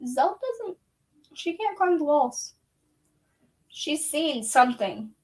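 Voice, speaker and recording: High, expressive and slow, this woman's voice carries a rambling, chatty bedroom vlog. Now and then she drops into baby talk with a toddler.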